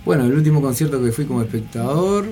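A man chats as a radio guest, rambling through his answers with plenty of fillers. His voice is dark and mellow. Faint music plays underneath. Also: mid-range voice, animated, quick pace. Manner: rambling, hesitant, many fillers. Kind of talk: casual radio interview.

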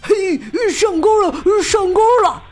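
Lady doing a chubby scaredy chick, slow drawly voice, swoops up and down, storybook vibe. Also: fairly high pitch, sing-song, darkish tone, soft background music, heavily acted. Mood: excited. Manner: drawling, hesitant with ums.

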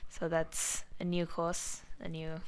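A young woman, a law student, answering questions in a relaxed radio interview, often saying "sort of". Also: on the low side, takes it slowly, a little hiss or hum. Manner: relaxed, frequent "sort of" fillers.

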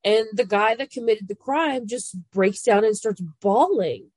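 A woman's voice: medium pitch, unhurried, a little mellow, dry recording. A woman co-hosting a podcast, a mother giving earnest, blunt advice in casual chat. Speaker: podcast co-host.

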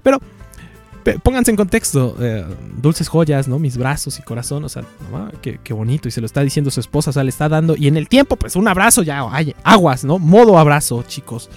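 A man's voice: fairly high pitch, a little fast. A man with a Mexican accent reads a baroque poem aloud with feeling, then comments on it casually to his viewers. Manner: expressive, swinging between soft and loud, animated asides to viewers. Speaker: poetry reader and commentator. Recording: long reverb with faint music.

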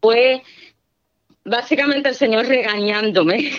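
A woman's voice: on the high side, takes it slowly. A middle-aged woman giving a fervent church testimony, speaking earnestly and often checking in with her listeners. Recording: dull lo-fi recording.

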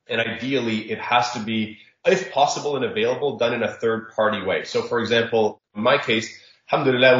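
A man born in Saudi Arabia talks through his views as a startup founder, calm and reflective. His voice sits a little low. The recording is dull, lo-fi, and echoes in the room. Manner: reflective, measured, sprinkles religious phrases. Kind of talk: conversational interview answers. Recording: roomy, dull lo-fi audio.

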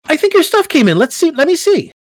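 A man doing a brash young library clerk woman, bubbly and teasing, high and swooping, dry close sound. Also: quick pace, no room sound. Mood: excited, teasing. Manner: excited, blunt, teasing.

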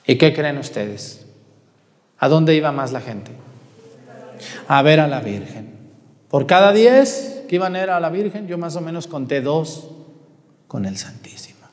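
Mexican priest preaching in a reverberant church. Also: male voice, a little high, measured pace, pauses often. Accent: Mexican Spanish. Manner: animated, asks the congregation questions, drops to a hush for emphasis. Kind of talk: sermon. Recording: long hall reverb in a church.

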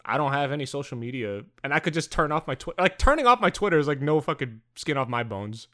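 A man's voice: fairly high pitch, very animated, fast talker, bright, forceful tone. A young man co-hosting a podcast, rambling and teasing with lots of fillers in crude casual banter. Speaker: podcast co-host.

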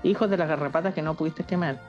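A young adult woman with a Chilean accent co-hosts a podcast, chatting casually, joking and rambling in heavy slang. Her voice is low-pitched and a bit dark, and she talks fast. The recording has a dull lo-fi sound with faint music in the background.

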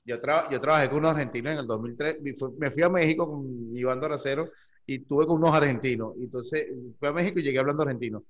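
A man from Venezuela with a Venezuelan Spanish accent, hosting a relaxed interview in a jokey, slangy way. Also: a little high, fast, muffled recording. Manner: jokey, slangy, laughs along. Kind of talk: casual interview chat.

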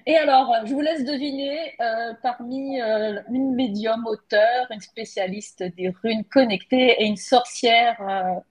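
A woman with a French accent hosts a relaxed chat, wandering through her thoughts with many "euh"s and little laughs. Her voice is fairly high and a little husky. She is on a video call. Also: a little slow, few pauses. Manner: rambling, hesitant, often laughing. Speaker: podcast host, tarot reader. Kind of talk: casual group chat.

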